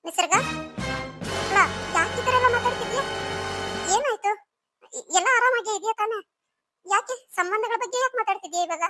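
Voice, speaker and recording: A woman's voice: very high-pitched, fairly even intonation, quick pace, pushed and bright, faint music behind. A woman voicing a caring older sister figure in a cartoon story, coaxing and soothing as she talks.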